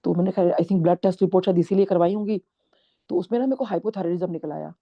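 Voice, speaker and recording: A woman's voice: on the low side, racing, gravelly. Middle-aged lady sharing a faith story, earnest, mixes in english words, muffled lo-fi audio. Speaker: satsang speaker sharing a testimony. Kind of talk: devotional testimony storytelling. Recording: dull lo-fi recording.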